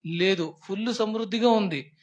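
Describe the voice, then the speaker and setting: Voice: medium pitch, measured pace. Young preacher firing questions at the congregation. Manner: peppers talk with rhetorical questions and prompts to the congregation; mixes English phrases into the sermon. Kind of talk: Sunday sermon. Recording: dull lo-fi church recording.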